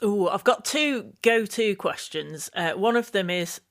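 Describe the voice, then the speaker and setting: A woman who is a returning podcast guest, joining by video call and talking in a lively, playful way. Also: mid-range voice, a little slow. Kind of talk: casual podcast chat.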